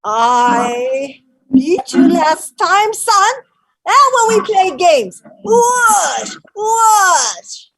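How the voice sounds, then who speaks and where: An actress playing a feisty, loving old grandmother in a stage play, speaking broken English and swinging between shouts and hushed murmurs. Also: very high voice, drawn-out words, crowd noise, heavily acted, poor audio. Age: older. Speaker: actor. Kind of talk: live-streamed stage play.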